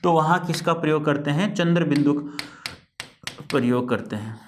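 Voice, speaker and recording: A man with a high voice gives a classroom-style spelling lesson. He repeats phrases slowly and drags out key words. He keeps calling his students "beta". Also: a little hiss or hum. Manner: repetitive, drawn-out explaining, addressing students as "beta". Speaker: teacher.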